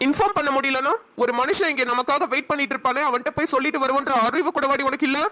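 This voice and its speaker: A woman voicing a hot-tempered, scolding young man in a cartoon, angry and rapid. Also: high voice, pushed and bright. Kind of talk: cartoon voice acting.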